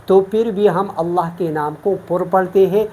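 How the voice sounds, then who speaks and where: A woman's voice: on the low side, mellow, breathy edge. A woman from Pakistan teaching Quran recitation in an online lesson, explaining each rule patiently, step by step.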